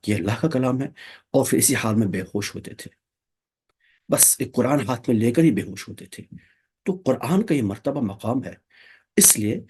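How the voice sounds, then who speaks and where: A man's voice: medium pitch, darkish tone, slightly rough. A man teaching a Quran recitation class, explaining patiently and often checking that students follow. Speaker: Tajweed teacher. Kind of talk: Quran recitation lesson, Urdu mixed with English.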